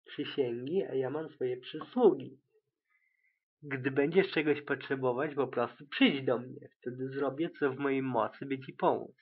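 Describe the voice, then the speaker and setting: A man's voice: mid-range voice, unhurried, breathy edge. A man voicing a fussy, dramatic young unicorn mare with a theatrical, fretful manner in an amateur audiobook reading. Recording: tinny, phone-like lo-fi sound.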